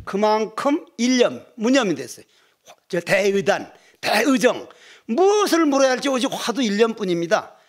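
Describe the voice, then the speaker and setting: Older monk lecturing, earthy and joking. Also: male voice, high voice, very animated, normal speed, heavy reverb. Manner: earthy, joking storytelling with dialect voices. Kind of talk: dharma lecture. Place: temple lecture hall.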